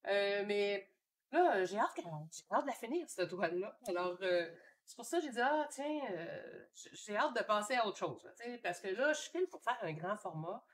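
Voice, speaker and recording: Her mid-range voice moves at a moderate pace as she paints on a live stream from her home studio. The woman has a Québécois French accent and keeps up a relaxed, casual chatter, thinking aloud and leaning on many fillers.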